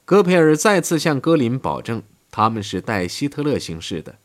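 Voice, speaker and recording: A man reading a history audiobook in a steady scripted narration, lifting his voice for quoted speech. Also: medium pitch, moderate pace.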